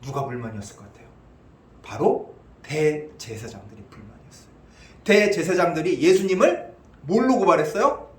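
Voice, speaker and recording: A male pastor preaching an expository sermon, animated, asking the congregation questions and answering them himself. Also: on the high side, moderate pace. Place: church sanctuary. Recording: echoey church hall.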